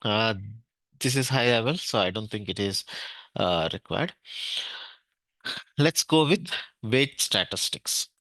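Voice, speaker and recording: A man with an Indian English accent teaching an online technical class, explaining step by step, often checking in with "right?" and pausing on fillers. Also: fairly low pitch, lively intonation, a bit bright, no echo. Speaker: database administration trainer.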